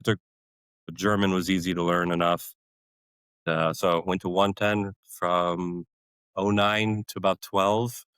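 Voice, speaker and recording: This podcast guest, a retired Army warrant officer in his forties whose first language is Polish, has a deep, clear, resonant voice that is a bit bright, delivered flat and slow in a dry recording. His casual storytelling about the army is animated, with frequent laughter and impressions of other people.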